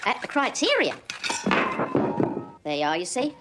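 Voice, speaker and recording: An actress playing a chatty, earthy former barmaid in middle age who talks in a homely way and laughs easily. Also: female voice, a little high, wildly swooping pitch, a little slow, very noisy. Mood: homely, frank.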